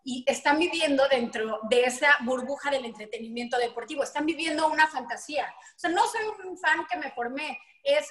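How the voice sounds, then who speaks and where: Mexican woman guest, high voice, chatty and laughing a lot, echoey room. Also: fairly quick, hardly any pauses. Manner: animated storytelling, laughing often. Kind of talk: casual chat.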